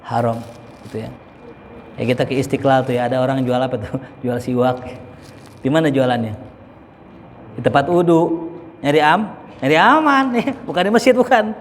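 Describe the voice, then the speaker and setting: A man's voice: mid-range voice, animated, moderate pace, long pauses, a little hiss or hum. A man giving a casual, joking lesson as a preacher in a mosque, acting out examples as he talks. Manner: joking, chatty, acts out examples. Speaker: Islamic preacher. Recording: echoey hall with faint ambience.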